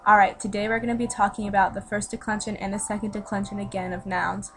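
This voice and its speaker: A woman's voice: mid-range voice, flat delivery, fast talker, a little hiss or hum, poor audio. A teenage girl gives a chatty, step-by-step student lesson. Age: teens. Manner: chatty, explains step by step with fillers. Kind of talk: casual voice-over lesson. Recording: voice-over with music behind.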